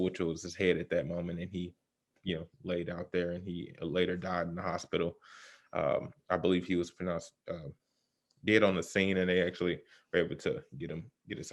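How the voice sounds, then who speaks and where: Very deep male voice, muffled behind a mask. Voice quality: muffled, talking through a mask. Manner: halting, pausing often with "you know". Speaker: interview guest, self-defense shooting survivor. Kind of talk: personal account in a conversational interview.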